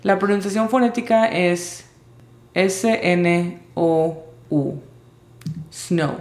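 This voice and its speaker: A woman teaching English vocabulary in Spanish, spelling out each word's sounds slowly and carefully. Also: on the low side, darkish tone, reverberant. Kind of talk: vocabulary lesson.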